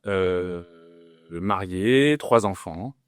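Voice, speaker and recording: A man's voice: low-pitched, animated, extremely slow, clean tone, no room sound, clean studio sound. A man of forty, a podcast guest, answering in casual talk with many fillers and restarts. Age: 40s. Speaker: podcast guest, entrepreneur and investor.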